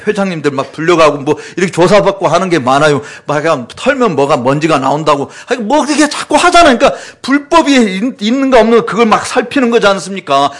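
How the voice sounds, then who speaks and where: High-voiced animated male preacher. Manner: animated, acts out quoted voices, asks the congregation questions. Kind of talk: sermon.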